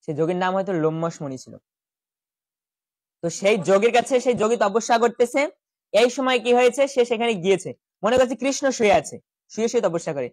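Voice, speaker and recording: A man's voice: high voice, fairly quick, no room sound. A man teaching a scripture class to children in a village house, telling stories, acting out the lines of gods and often quizzing his pupils. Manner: animated, acts out god's voices in quoted lines, asks pupils questions. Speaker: Gita school teacher. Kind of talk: storytelling scripture lesson to children. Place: village house school room.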